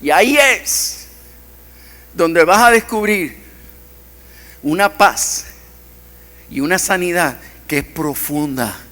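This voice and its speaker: A male pastor preaching a sermon to his congregation, swinging from loud, urgent pleas to hushed, intimate passages, recorded on a stage microphone in a church. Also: high voice, animated, slow pace, long pauses. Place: church hall. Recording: long church-hall reverb.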